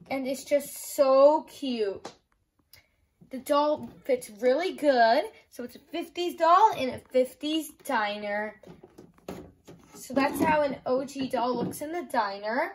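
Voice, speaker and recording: A young woman with a high, husky voice reviews a toy from a small room at home, speaking slowly with long pauses. Enthusiastic and casual, she explains things simply, often saying "like" and "I love".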